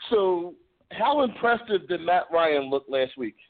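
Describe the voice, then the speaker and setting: Guy calling in on a phone line, kinda high voice, tinny and dry, easygoing but argues his point. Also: expressive, a little slow, no room sound. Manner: laid-back, argumentative, says "man" a lot. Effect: over the phone. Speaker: caller. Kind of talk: casual sports debate.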